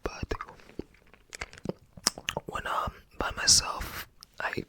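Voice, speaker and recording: An ASMR creator speaks entirely in a breathy, bright whisper. The delivery is slow and hesitant, a casual, self-effacing ramble that keeps pausing to search for the right word. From United States.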